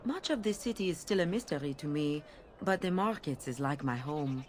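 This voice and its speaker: A woman playing a courteous, wistful émigré flower seller in a video game, with a French accent and formal, gently questioning phrasing. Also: low voice, expressive, normal speed. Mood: inviting, courteous. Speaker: market merchant. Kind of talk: video game character dialogue.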